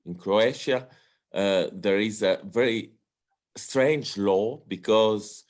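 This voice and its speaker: Speaking slowly in a lowish voice, this guest speaker on democracy delivers a lecture-style talk in English with a heavy Italian accent. His delivery is tentative, full of fillers and restarts.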